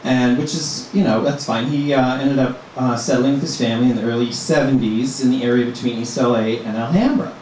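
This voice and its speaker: A middle-aged man from Minnesota works through a stand-up set at a middle pitch, with a deadpan delivery padded by ums. His voice rings through a very echoey small club, picked up from a little way off the mic, with a faint hum of room ambience behind him. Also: distant mic. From Minnesota, USA. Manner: halting, filler-heavy, deadpan delivery. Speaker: stand-up comedian.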